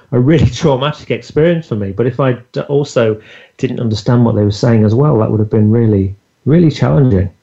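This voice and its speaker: A podcast host with a medium-pitched, dark voice interviews a guest in casual chat, full of fillers and restarts. The audio is dull and lo-fi.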